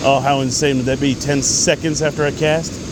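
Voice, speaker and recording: A man's voice: medium pitch, little pitch movement. A man chatting casually and informally as he films an outdoor fishing vlog. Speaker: amateur angler filming a fishing vlog. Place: outdoors by a waterfall. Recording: loud rushing water noise outdoors. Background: rushing water.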